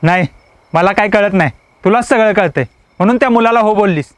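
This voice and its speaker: Guy playing a stressed young man snapping at his girl, really high voice, dry sound. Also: brisk, no room sound, natural voice. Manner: hot-tempered, insulting, then softening. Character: tense young man Akash.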